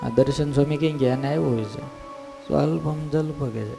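A man giving a storytelling sermon as a swami in a temple, acting out voices with lively animation. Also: mid-range voice, quick pace, creaky. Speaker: swami giving a religious discourse. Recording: long temple hall reverb, faint music.

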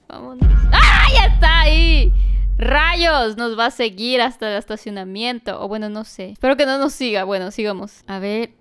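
A woman giving animated let's-play commentary, talking to a baby character and often yelling and laughing. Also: a little high. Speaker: gaming youtuber.

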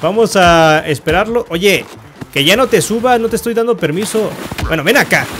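Man, high-pitched voice, playful let's-play commentator who jokingly insults everyone and laughs a lot. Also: lively intonation, moderate pace, fairly bright tone, slight background noise. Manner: teasing, mock-insulting, laughs and yelps often. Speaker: gaming youtuber.

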